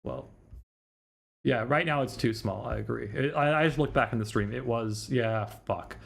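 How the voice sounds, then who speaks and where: Over background music, a streamer playing a visual novel thinks aloud while sorting out a problem, his talk loose, slangy and a bit sweary. He has a medium-pitched voice with vocal fry and keeps a moderate pace.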